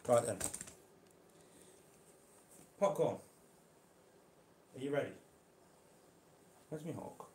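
A man's voice: mid-range voice, lively intonation, very slow, long pauses, dark tone, reverberant, slight background noise. Man coaxing a snake. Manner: coaxing, chatty, talks to the snake. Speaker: reptile keeper vlogger. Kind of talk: casual vlog. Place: indoor room.

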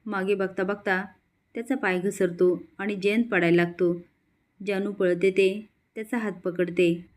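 Lady narrating a story recap, steady plain voice, mid pitch. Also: measured pace.

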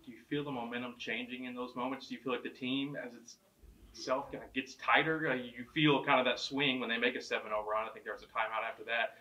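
Fast, bright-voiced male reporter off-mic. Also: mid-range voice, little pitch movement, recorded from a distance, poor audio. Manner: rambling, rephrases questions. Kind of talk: press conference questions. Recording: off-mic in press room, faint noise.

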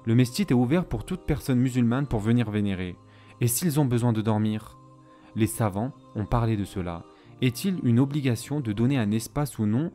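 Mellow-voiced man lecturing calmly. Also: mid-range voice, faint music behind. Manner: measured, explanatory, with frequent Arabic phrases. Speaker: Islamic history teacher. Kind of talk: French voice-over lecture on Islamic history.

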